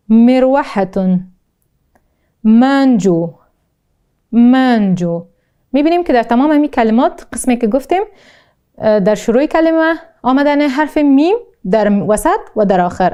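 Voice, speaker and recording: A woman with an Afghan Dari accent teaching a recorded language lesson, slowly repeating each word twice and explaining with frequent hesitations. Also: on the high side, dark tone. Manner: slow, deliberate pronunciation drills, repeating each word twice. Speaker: Arabic teacher.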